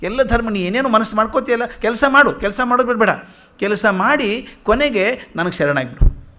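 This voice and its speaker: An older man with a fairly high voice gives a spiritual lecture. He chants verses slowly and then unpacks them in easy, conversational speech. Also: expressive, bright, forceful tone. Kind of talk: spiritual discourse.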